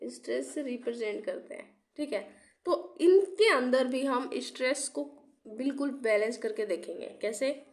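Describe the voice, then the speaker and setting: A young woman with a slightly high voice teaches an exam-prep lesson while unwell, coughing now and then. She poses rhetorical questions, repeats each key term and keeps checking in with her students. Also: expressive, unhurried, darkish tone. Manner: checks in often with "theek hai". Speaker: English literature teacher.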